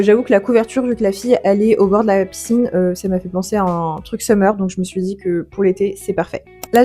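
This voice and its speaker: A young woman chatting casually to camera on her book vlog, filling her talk with fillers and quick self-corrections. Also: medium pitch, dark tone. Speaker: book vlogger. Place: holiday home on vacation.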